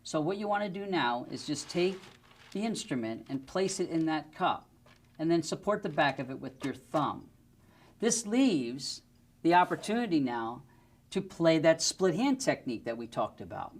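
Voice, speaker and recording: In an indoor studio with a plain backdrop, a middle-aged music teacher demonstrates a lesson to camera, methodical and step by step, through a lapel mic. His voice runs on the high side, sing-song, at normal speed.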